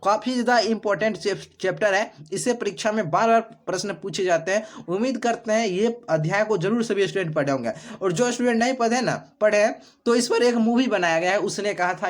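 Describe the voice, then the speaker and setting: A man, teaching as an exam prep tutor, walks through multiple-choice questions, repeating each answer back as a question with many fillers. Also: high voice.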